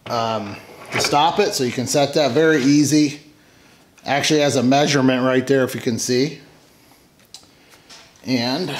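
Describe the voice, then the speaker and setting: A man's voice: medium pitch, slight background noise. Man casually demoing a tool in his garage. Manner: plain, unhurried, self-correcting explanations. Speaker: homesteading channel host. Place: home garage workshop. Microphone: camera mic off-screen, hands in frame.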